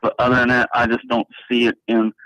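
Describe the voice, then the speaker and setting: A man's voice: mid-range voice, monotone, fast, fairly bright tone, dry recording. A man calling into a sports radio show over the phone, giving a casual, rambling prediction. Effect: heard over a phone line. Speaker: radio call-in caller. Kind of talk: casual call-in sports opinion. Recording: muffled, dull phone-line sound.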